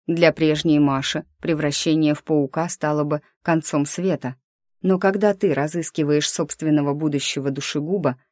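Low-voiced woman narrating an audiobook. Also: a little mellow, no echo, clean studio sound. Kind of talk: scripted narration.

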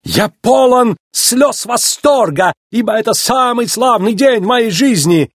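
A man voicing an excitable male Italian tire-shop car with broken grammar and a put-on Italian accent. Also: very high voice, unhurried, no echo, studio quality, voice pushed up, heavily acted. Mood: excited. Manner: broken grammar, gushing and exclamatory.

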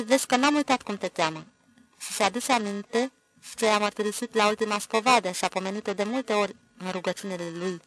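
Gravelly-voiced audiobook narrator. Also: mid-range voice, fairly bright tone, poor audio.

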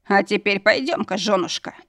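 A woman voicing an arrogant male demon lord who talks gruffly, commanding and smirking. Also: mid-range voice, moderate pace, a bit bright, no echo, studio quality, lightly acted. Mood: smug.

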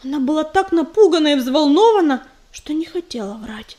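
A woman reads an audiobook aloud in a high, expressive voice. She tells the story with lively, shaded delivery, scripted and clear. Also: brisk. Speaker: audiobook narrator. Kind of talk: scripted narration.

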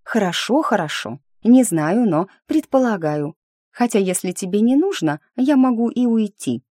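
Casting a pushy, sly young journalist voiced by a woman, brisk, close and dry. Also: medium pitch, lively intonation, warm tone, dry recording, voice pushed up, natural voice. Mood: wheedling. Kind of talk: audiobook character reading.

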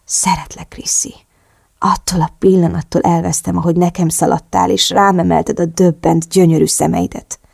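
A tender young man murmurs to his lover in a hushed, breathy whisper, as a woman reading an audiobook puts him on. His coaxing words come low and close, in a whispered role-play with a dry, dark tone. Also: level tone, few pauses, no room sound. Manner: gentle and coaxing.

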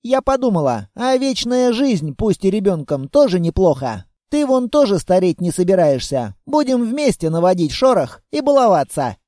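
A man voicing a stubborn, excitable young girl in an audiobook, with quick, indignant outbursts. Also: sits high, no echo, studio quality. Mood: bossy. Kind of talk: audiobook character voice.

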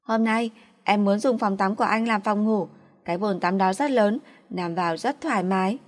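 A woman's voice: medium pitch, normal speed, close to an everyday voice. A woman voicing a drunk, spoiled young woman who sulks and pleads in a slurred, petulant way. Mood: clingy, tipsy.

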